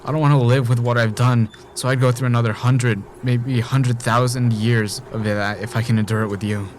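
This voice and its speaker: A man performs in an audio drama as an obsessive, murderous man caught in a time loop, pleading with intense emotion. His natural voice is medium-pitched with fairly even intonation and a moderate pace, over noisy background ambience.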